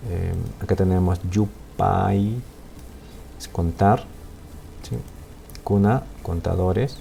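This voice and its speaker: A man teaching a Quechua language lesson in Spanish with a Peruvian accent, explaining slowly and checking in often with "¿no?" and "¿sí?". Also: sits low, gravelly, dark tone. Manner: slow, explaining with frequent "¿no?" and "¿sí?" checks.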